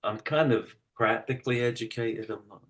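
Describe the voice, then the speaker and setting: With a medium pitch and moderate pace, a middle-aged man from the United Kingdom talks casually as an interview guest. An energy practitioner and massage therapist, he explains things in a self-deprecating, matter-of-fact manner.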